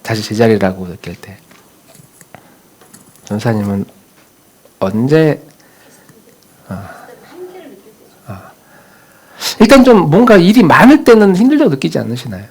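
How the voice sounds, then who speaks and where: Animated male pastor preaching. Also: mid-range voice, unhurried, pauses often, husky. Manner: conversational preaching, questions the congregation directly. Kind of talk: sermon.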